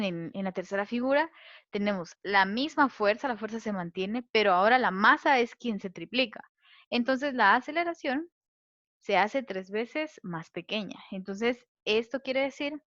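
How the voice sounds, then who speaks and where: A woman's voice: mid-range voice, fairly bright tone, dry recording. A woman teaching a physics lesson, explaining step by step and often checking that listeners follow. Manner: patient, checks understanding with a questioning tag. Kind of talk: explaining physics over slides. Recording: muffled lo-fi recording.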